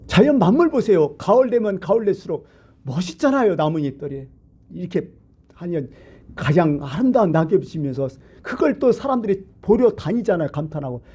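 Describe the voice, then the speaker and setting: A pastor with a high, husky voice delivers a Sunday sermon conversationally. He asks the congregation questions and shifts between loud emphasis and hushed asides.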